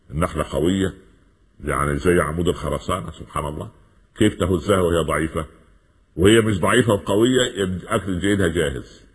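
A man with an Egyptian accent preaching a sermon in a lively, questioning style, mixing formal and everyday speech. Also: low voice, slightly rough, long reverb tail. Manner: lively, rhetorical questions, mixes classical and colloquial Arabic.

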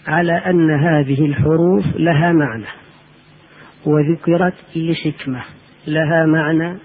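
A man giving a religious lesson on Quran recitation, explaining slowly and chanting the letters in drawn-out tones. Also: fairly high pitch, creaky, breathy edge. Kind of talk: religious lecture. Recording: tinny phone-like lo-fi audio.

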